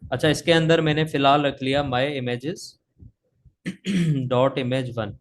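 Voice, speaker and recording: Slow-paced and medium-pitched, this coding instructor from Pakistan teaches over a live video call with slight background noise. He coughs because his throat is sore. As he types, he talks and often checks in with "theek hai."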